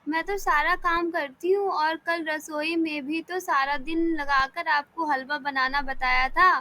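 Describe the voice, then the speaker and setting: A woman's voice: high-pitched, steady tone, unhurried, sharp tone. A woman voicing a lazy young wife in a cartoon story who lies her way out, talking in a whiny, defensive way.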